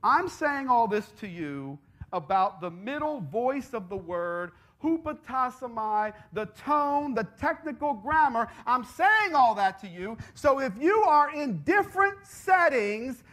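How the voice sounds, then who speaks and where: A woman preaching a sermon, emphatic and repetitive, calling out to the congregation and stressing her key words. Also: sits high. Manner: emphatic, repeats phrases, calls out to the congregation.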